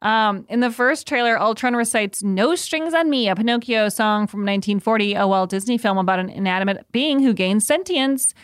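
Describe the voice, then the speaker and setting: A woman's voice: on the high side, moderate pace, few pauses, dry recording, studio quality. A woman from the United States, a podcast guest, chatting casually in a rambling, filler-heavy way and laughing easily. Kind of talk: casual chat.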